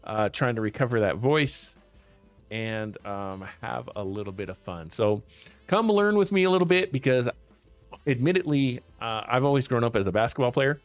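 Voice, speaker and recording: Chill young dude streaming games, voice kinda worn out, dry mic, little music under it. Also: male voice, medium pitch, very animated, normal speed, dry recording. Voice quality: laid-back, chatty, laughs often. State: losing his voice. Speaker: streamer host. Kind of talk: casual gaming stream chat.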